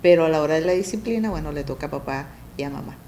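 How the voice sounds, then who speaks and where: A woman's voice: rapid-fire, a little hiss or hum. A middle-aged woman, a family coach and guest on an interview, explaining parenting with frequent "do you see?" check-ins and acted-out talks with a child. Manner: acts out parent-child talk with lively pitch jumps. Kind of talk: conversational interview.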